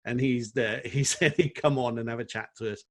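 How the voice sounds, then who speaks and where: A man's voice: medium pitch, fairly even intonation, brisk. A man hosting a podcast, introducing and bantering with his guest in an enthusiastic, friendly way. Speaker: podcast host. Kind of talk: casual podcast interview.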